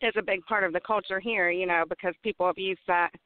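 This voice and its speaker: Appalachian woman with a smooth voice. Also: mid-range voice, steady tone, fast, no echo. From West Virginia, Appalachia. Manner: laughs easily, storytelling. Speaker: guest, moonshine maker. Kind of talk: casual interview chat. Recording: tinny phone-like dry sound.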